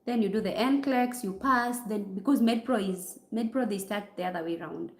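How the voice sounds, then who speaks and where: A woman's voice: mid-range voice, moderate pace. Chatty Kenyan woman on a roomy livestream. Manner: chatty, mixing in Swahili phrases. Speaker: nurse. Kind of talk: livestream chat answering viewer comments. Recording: roomy echo.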